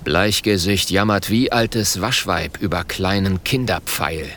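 A man doing a stern gruff old chief. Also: lowish voice, animated, a little slow, a bit bright, a little hiss or hum. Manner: clipped broken sentences, stern.

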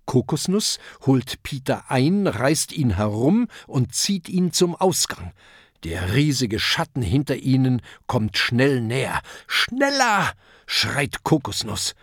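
A reader telling a children's adventure story in an expressive, dramatic way. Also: medium pitch, takes it slowly, breathy edge, no echo, clean studio sound. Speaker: audiobook reader. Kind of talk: children's audiobook narration.

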